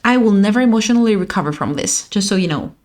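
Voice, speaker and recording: A woman's voice: medium pitch, expressive, fast, a little mellow. A woman streamer giving playful, mock-dramatic commentary as she plays a game and argues with a character on screen. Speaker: gaming streamer. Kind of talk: let's play commentary.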